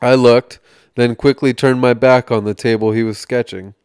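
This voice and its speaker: Smooth-voiced man reading aloud. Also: medium pitch, fairly even intonation, a little mellow, dry recording, clean studio sound. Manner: measured reading with small slips and restarts. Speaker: podcast host reading aloud.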